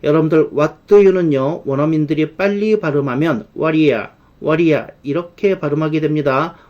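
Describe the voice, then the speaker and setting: A man with a fairly high voice teaches an English grammar lesson online. He talks in a lively way and slows right down whenever he spells out an example sentence. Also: dull audio.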